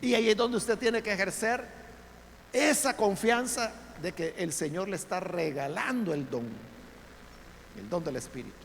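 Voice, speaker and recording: A man's voice: high-pitched, normal speed, a bit bright, slight background noise. A male pastor preaching emphatically in a church, asking rhetorical questions and speaking straight to his listeners. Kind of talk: sermon. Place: church sanctuary. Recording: long church reverb, faint background ambience.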